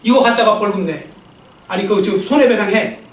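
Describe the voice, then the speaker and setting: A man voicing a stern but loving male judge who scolds his son gruffly. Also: sits high, normal speed, close to an everyday voice. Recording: echoey church sound from a distant mic.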